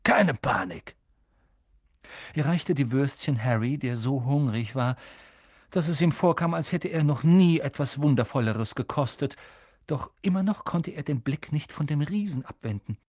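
A man narrating an audiobook with dramatic, lively storytelling. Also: on the high side, normal speed, no room sound, clean studio sound. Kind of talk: scripted narration.

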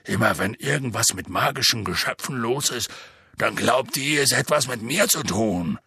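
A man voicing a gruff, nervous giant gamekeeper in an audiobook, with halting, clipped speech. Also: mid-range voice, animated, bright, forceful tone, no echo, studio quality, full character voice. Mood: indignant. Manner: hesitant, halting. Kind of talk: audiobook character voice.

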